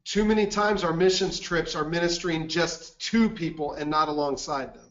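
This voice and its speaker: A man giving a seminar presentation, telling a mission-trip story in an earnest, measured way. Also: fairly high pitch, steady tone, a bit bright, highs cut off. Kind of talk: webinar presentation with anecdote.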